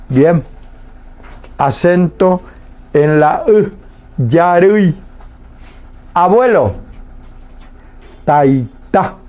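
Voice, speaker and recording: A man teaching a language lesson on the radio, saying each word slowly and repeating it patiently so listeners can copy. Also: fairly high pitch, a little mellow. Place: radio studio.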